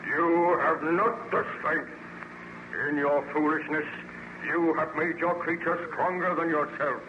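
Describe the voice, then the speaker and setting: A man plays a bitter, menacing monster in an old radio horror drama. He declaims in archaic, grandiose phrases at a very deliberate pace. The recording is dull and clearly noisy. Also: fairly high pitch, level tone, close to an everyday voice. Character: vengeful man-made monster, male, menacing, bitter and contemptuous. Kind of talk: old-time radio horror serial acting.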